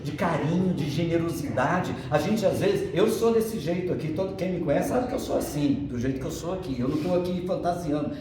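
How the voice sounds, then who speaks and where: A middle-aged man gives a spiritist lecture, talking in a chatty, playful way that slips between earnest teaching and little jokes. His voice sits fairly high for a man. He is picked up from a distance in a booming, echoey hall, with a faint hum underneath. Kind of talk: spiritist lecture with joking asides. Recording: echoey hall from far off, faint background noise.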